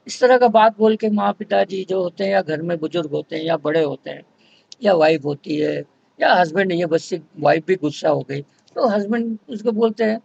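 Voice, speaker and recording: Gravelly man teaching in a dull, dry recording. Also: moderate pace, darkish tone. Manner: repeats points with strings of synonyms; acts out patients' complaints in a lower voice. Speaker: homeopathy teacher. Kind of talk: explanatory lecture.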